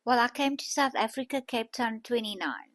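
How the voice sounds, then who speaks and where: A woman's voice: on the high side, moderate pace. A woman in her fifties from Switzerland, a guest mother giving short, terse answers in a casual chat. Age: 50s.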